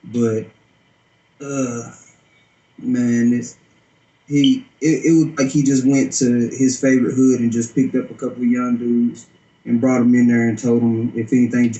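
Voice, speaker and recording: A man's voice: mid-range voice, flat delivery, measured pace, mellow, dull audio. A man giving an informal interview account as a security guard. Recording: roomy echo.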